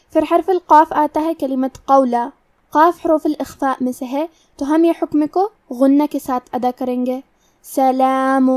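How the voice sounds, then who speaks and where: A woman with a Pakistani Urdu accent teaching tajweed, explaining each pronunciation rule step by step before reciting slowly. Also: high voice, mellow, no room sound, recorded from a distance. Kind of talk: tajweed lesson with slow recitation.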